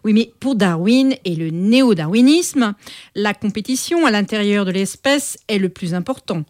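A woman presents as a radio host with a mid-pitched voice. She is articulate and measured, explaining and reading in an expository style. The sound is dry, with very little room around her. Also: animated, darkish tone, no room sound. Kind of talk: reading a book extract aloud and interviewing a guest.

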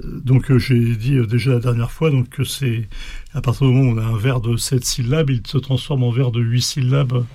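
A man talking loosely and at length, circling back with fillers and restarts. His voice is mellow and dark, in a dry, close sound with no room around it. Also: mid-range voice, level tone, normal speed, no room sound. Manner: rambling, many fillers and restarts; recites a poem in Esperanto in a rising, sing-song lilt. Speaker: guest explaining medieval poetry. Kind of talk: casual chat.

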